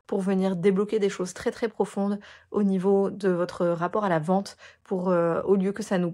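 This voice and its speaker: A woman hosts a podcast in a relaxed, sincere tone. Her voice sits a little low, and she often pauses and restarts mid-sentence while gathering her thoughts. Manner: earnest, hesitant with many fillers. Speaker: podcast host. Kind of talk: casual interview and promo.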